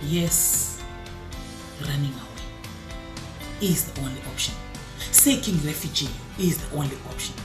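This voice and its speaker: A woman from Zimbabwe gives a personal testimony, pressing her point with emphatic, repeated phrases. Her pitch rises and falls widely as she speaks. The recording sounds roomy, with soft music underneath. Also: expressive, measured pace, pauses often. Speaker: artist and refugee.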